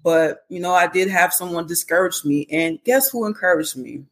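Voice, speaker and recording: A woman's voice: on the low side, moderate pace. Earnest woman nurse telling her story. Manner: earnest, candid, peppers talk with "you know"; emotional when recalling support. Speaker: nurse educator, podcast guest. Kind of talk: casual interview chat.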